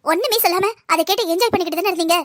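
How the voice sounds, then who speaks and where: A young cartoon wife, voiced by a woman, proud and hurt, pressing her husband with pointed questions. The voice is very high and fast, dry and close. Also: no room sound. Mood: reproachful. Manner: pointed, reproachful. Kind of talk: cartoon voice acting.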